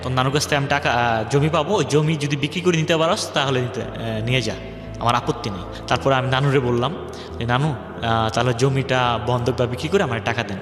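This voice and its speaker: A young man tells his life story on a radio show, rambling and acting out what other people said. His voice is medium-pitched and fairly quick, heard through echoey, hall-like reverb with music underneath.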